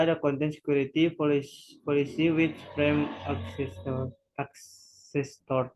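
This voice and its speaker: A man's voice: on the high side, highs cut off. A man reading a class presentation on computer security aloud, stumbling and restarting often as he reads from notes. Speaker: student presenter.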